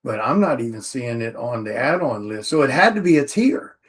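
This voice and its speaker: A man's voice: mid-range voice, lively intonation, fairly quick, husky. Tired man muttering through orders. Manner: mutters to himself while reading out order items. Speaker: comic artist streaming while packing orders. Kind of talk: casual livestream chat.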